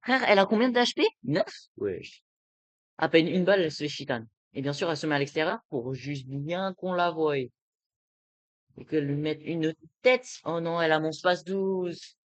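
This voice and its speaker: A young man giving live gameplay commentary, excitable and full of street slang, swinging between muttering to himself and yelling. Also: on the high side, normal speed. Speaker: gaming streamer.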